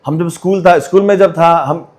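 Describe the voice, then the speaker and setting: Young guy from arunachal sharing his testimony at church, kinda high voice, chatty storytelling. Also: fairly even intonation, moderate pace. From Arunachal Pradesh, India. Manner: storytelling, mixes English phrases, asks the audience questions. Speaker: testimony speaker at church fellowship. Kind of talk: personal testimony to a congregation.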